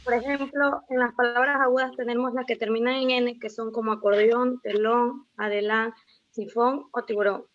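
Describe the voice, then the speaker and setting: A woman's voice: level tone, moderate pace. A young woman from Ecuador giving a class presentation as a student, reading out rules and lists of example words with a few restarts. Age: young adult. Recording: muffled low-fidelity recording.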